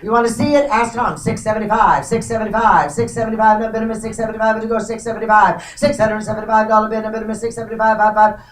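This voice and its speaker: A woman auctioneer runs a live sale, rolling numbers over and over in a steady bid-calling chant. She breaks it with casual asides to the bidders. Her voice rings through an echoey hall and sits away from the microphone. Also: mid-range voice. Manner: rapid repetitive number chanting with chatty asides. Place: large indoor room at a live auction. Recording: echoey hall, distant from the mic.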